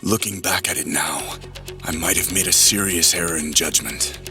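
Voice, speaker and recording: An actor playing a rueful, analytical male racing strategist in an anime dub, speaking deliberately. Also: low-pitched, vocal fry, over music. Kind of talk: anime dub inner monologue.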